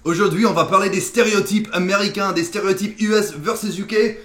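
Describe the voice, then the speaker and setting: A man's voice: high voice, fairly quick, fairly bright tone. A man with an American accent, a native English speaker, hosting a comedy sketch with teasing, mock-indignant banter. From United States. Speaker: host. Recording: echoey room.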